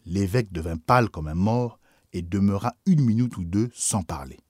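A man narrating a first-person memoir in a measured, expressive audiobook reading. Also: fairly low pitch, husky, dry recording, clean studio sound.

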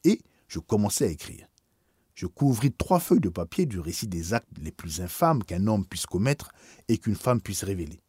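Male narrator, low husky voice, animated pitch, dry close sound. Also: normal speed, no room sound. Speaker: audiobook reader. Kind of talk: scripted narration of a memoir.

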